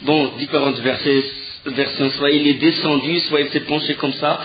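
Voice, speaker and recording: Male religious teacher, higher-pitched, muffled recording with faint hiss, lively storytelling lecture. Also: normal speed. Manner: animated storytelling, rising with emotion, frequent fillers and restarts.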